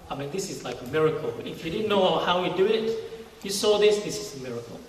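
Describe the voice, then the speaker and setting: Being interviewed for an informal testimony inside a spacious church hall, a middle-aged man from Singapore, a university research scientist, talks about his work. His voice is a little high and animated, conversational but broken by halting phrases. The distant mic leaves the sound very echoey, with faint background noise.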